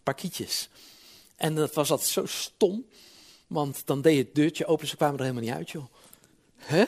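A man's voice: fairly high pitch, normal speed. A man preaching a sermon in church, talking conversationally with frequent asides and building to emphatic peaks.

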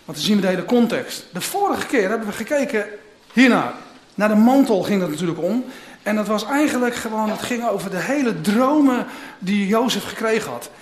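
A man's voice: high voice, lively intonation, brisk. A man preaching, reading a scripture passage aloud and giving dramatic voice to the speakers in it, then starting his sermon. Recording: echoey room.

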